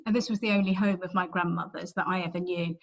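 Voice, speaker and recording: This middle-aged Englishwoman has a lowish, gravelly voice and talks quickly in a steady tone. She's an author giving a virtual library talk about her book from a room at home, speaking conversationally with frequent ums and self-corrections, captured by a webcam on a video call with slightly dull audio.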